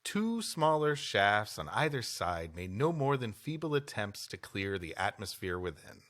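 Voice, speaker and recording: A fairly low, fairly bright male voice with big pitch swings takes its time here. He co-hosts a podcast, reading history aloud and mixing in wry, rambling jokes.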